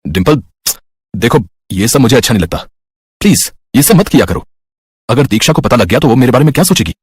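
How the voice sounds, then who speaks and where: A shy young husband with a low, husky voice, put on by a woman narrator. He speaks in a quick, dry, close-up delivery, uneasy and hesitant, with a lively rise and fall in his tone. The tale is a storybook drama. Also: no room sound, exaggerated voice. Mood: stern. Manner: hesitant, then stern. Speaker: narrator voicing a character.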